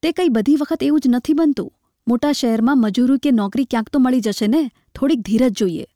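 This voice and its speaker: A woman reading a story aloud, voicing a poor village wife who speaks softly, pleading and tender with her husband. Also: high voice, a little fast, no room sound, studio quality, natural voice.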